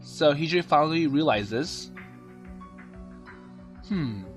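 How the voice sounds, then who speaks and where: A man's voice: fairly high pitch, lively intonation, moderate pace, a bit bright. Hesitant man narrating a game. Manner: hesitant, many fillers and restarts, paraphrasing dialogue. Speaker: let's play commentator. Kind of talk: casual game commentary, translating and summarizing the story. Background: game music.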